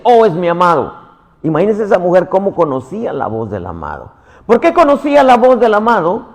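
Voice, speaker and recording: A man's voice: high voice, big-room sound. A man preaching a passionate sermon, calling his listeners "hermano" again and again.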